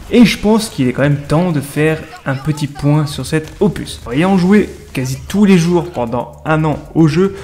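Speaking over background music, a gaming reviewer in his 30s talks viewers through a video game in a slangy, casual way, adding conversational asides. His voice is fairly high-pitched with a darkish tone.

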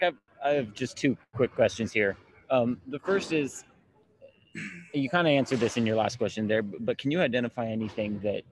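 A man's voice: on the low side, slight background noise, poor audio. A male reporter asks a coach two direct questions at a press conference, in a conversational manner.

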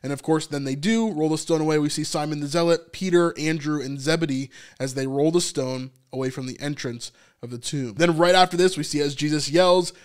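A man's voice: on the high side, brisk, few pauses. Chatty man recapping an episode. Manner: chatty, many fillers, laughs often. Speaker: TV episode reviewer.

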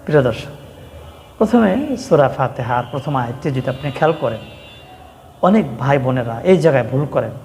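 A man with a Bangladeshi Bengali accent teaching correct Quran pronunciation, explaining sounds and chanting verses slowly. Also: mid-range voice, animated, darkish tone, big-room sound, a little hiss or hum. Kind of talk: religious lesson with chanted recitation.

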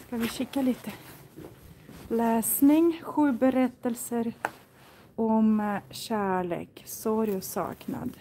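Lady vlogging in a library, mellow tone, easygoing chatter to her viewers. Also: on the high side, slight background noise. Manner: chatty, thinks aloud, reads titles out. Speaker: Swedish teacher and vlogger. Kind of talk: casual vlog in a library.

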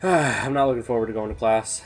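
Young man with deadpan teasing quips. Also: mid-range voice, fairly quick. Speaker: student. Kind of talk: casual gaming chat.

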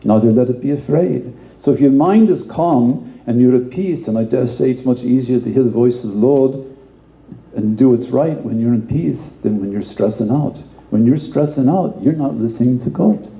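A man preaching to his congregation in a relaxed, chatty way, stumbling over and repeating words as he goes. His voice is very dark and mellow. It echoes through a roomy church, and the recording sounds dull. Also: mid-range voice, normal speed, vocal fry. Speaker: pastor. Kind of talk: sermon.

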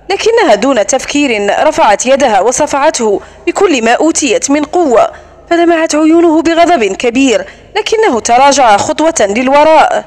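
A woman narrating a romance novel audiobook with expressive storytelling. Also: high-pitched.

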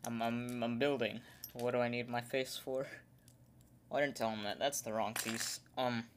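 A woman's voice: extremely low pitch, flat delivery, moderate pace, a little hiss or hum. A young woman chatting casually to her camera as she builds a toy kit, joking, swearing at stray pieces and singing silly rhymes under her breath. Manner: rambling, joking, sings silly rhymes to herself. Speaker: vlogger. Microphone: phone camera aimed at hands.

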